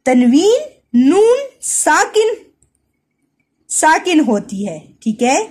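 Slow, high-voiced woman teaching children. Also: very animated, darkish tone. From Pakistan. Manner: spells letters out slowly, often repeats "theek hai". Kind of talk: slow recorded lesson for children.

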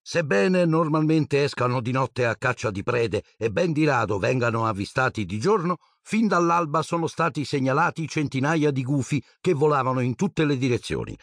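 A man's voice: medium pitch, expressive, moderate pace, hardly any pauses, no echo, studio quality, voice pushed up, natural voice. A man voicing a formal television newsreader in announcer style, in an audiobook reading.

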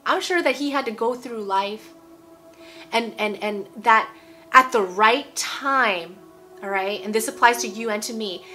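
Speaking to camera indoors at home, a woman in her forties preaches a casual but emphatic sermon, often repeating phrases and asking "okay?". She sounds a little high, pushed and bright.

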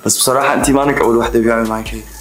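A man's voice: medium pitch, steady tone, racing, crowd noise, close to an everyday voice. A man playing a polite, gossipy restaurant waiter. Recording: roomy room with music behind.

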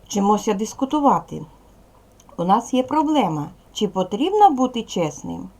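Woman teacher, video lesson for young kids, animated intonation, gravelly edge, clear patient delivery. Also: mid-range voice, normal speed. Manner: clear, patient, addressing pupils directly. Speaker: primary school teacher. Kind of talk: recorded video lesson for children.

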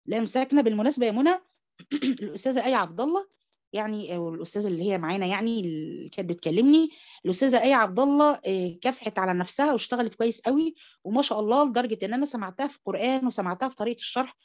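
A woman's voice: a little high, rapid-fire, a little mellow, muffled recording. A woman with an Egyptian Arabic accent teaching tajweed in an online class, mixing English and Arabic and coaxing students with questions. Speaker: Quran recitation teacher. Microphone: computer mic on an online call.

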